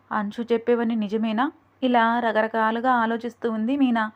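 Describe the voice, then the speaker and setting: Woman storyteller reading a love story, flat steady voice, kinda muffled lo-fi audio. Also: a little high. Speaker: storyteller and writer. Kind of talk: narrating a romance story.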